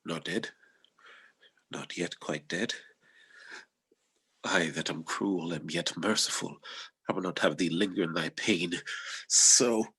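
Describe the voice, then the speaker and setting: A man performs a tormented husband who has killed, in a Shakespeare tragedy reading. The voice is low and rough-edged. The delivery is brooding and declamatory, heavy with jealousy. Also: fairly even intonation, takes it slowly, long pauses, bright, forceful tone, full character voice. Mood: hushed brooding. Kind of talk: Shakespearean tragedy cold read.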